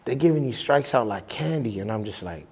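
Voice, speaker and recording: Speaking fairly quickly with lively intonation, the young male guest has a medium-pitched, darkish voice with a breathy edge, and a long reverb tail follows his words. His casual interview story rambles, slangy and full of restarts and "you know what I'm saying."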